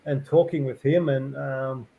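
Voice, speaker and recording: A middle-aged man, a podcast guest, talking reflectively in a rambling, halting way full of fillers and restarts. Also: medium pitch, fairly even intonation, creaky, narrow, tinny audio. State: tearful. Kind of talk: reflective conversational interview.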